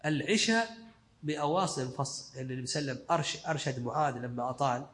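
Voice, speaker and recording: Male sheikh teaching, talks super fast, short repeated phrases. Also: mid-range voice, fairly bright tone, slight background noise. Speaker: sheikh teaching a fiqh text. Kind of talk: scholarly lesson commentary.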